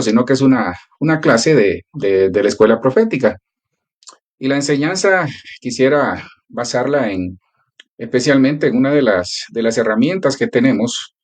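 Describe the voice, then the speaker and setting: A male pastor who prays and then teaches a church class, telling stories in a prayerful, earnest way. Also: mid-range voice.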